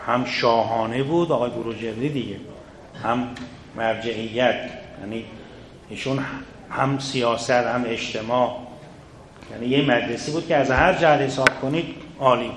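A man giving a religious lecture to seminary students, earnest and full of rhetorical questions aimed straight at his listeners. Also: mid-range voice. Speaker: seminary teacher. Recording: echoey room, faint background noise.

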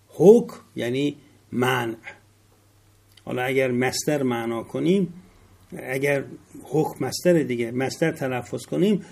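A middle-aged man giving a classroom lecture on word roots, slowly spelling out letters and rising to stress key points. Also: medium pitch, vocal fry, darkish tone. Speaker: religious studies teacher.

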